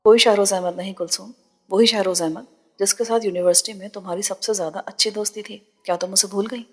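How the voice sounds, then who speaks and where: A woman's voice: mid-range voice, slightly rough, in a large hall, faint music behind, natural voice. Woman reading as a teasing confident young man. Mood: probing. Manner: relaxed, pointed.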